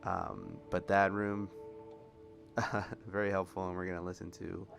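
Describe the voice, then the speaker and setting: Low-voiced man commenting on a video game. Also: level tone, unhurried, creaky, a bit bright. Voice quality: rambling, laughs often. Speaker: gameplay commentator. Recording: voice over game music.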